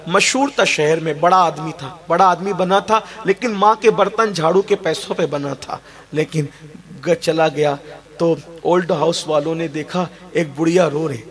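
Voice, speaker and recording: A man preaching an emotional Islamic sermon, telling a story with rising emphasis. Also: fairly high pitch.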